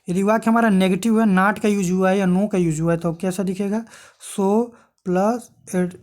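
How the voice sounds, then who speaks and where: A woman's voice: mid-range voice, a little mellow. Woman w doing a grammar lesson, patient, keeps asking then answering herself. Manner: explains patiently, asks and answers her own questions. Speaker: teacher. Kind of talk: exam-prep grammar lesson.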